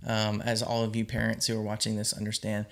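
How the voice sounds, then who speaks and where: A man's voice: on the low side, completely flat delivery, brisk, creaky, a bit bright. Rambling man sharing film-set advice. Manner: rambling, many ums and restarts, earnest advice. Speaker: film director. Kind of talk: casual vlog monologue.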